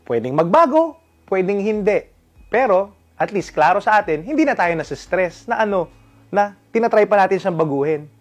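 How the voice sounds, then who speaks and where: A man's voice: sits high, normal speed. A man in his thirties with a Filipino accent, telling a story and giving relationship advice in a mix of English and Tagalog. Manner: animated, mixes English and Tagalog, acts out his own outbursts. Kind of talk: motivational storytelling talk.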